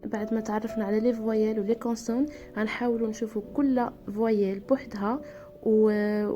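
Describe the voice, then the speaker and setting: A woman with a Moroccan Arabic accent giving a patient language lesson, repeating each word slowly. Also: mid-range voice, mellow. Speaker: French teacher.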